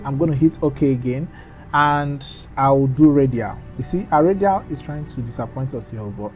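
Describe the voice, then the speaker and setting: A man talking through a screen-recorded design tutorial in a chatty, instructive way, often trailing off into mumbles. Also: on the high side.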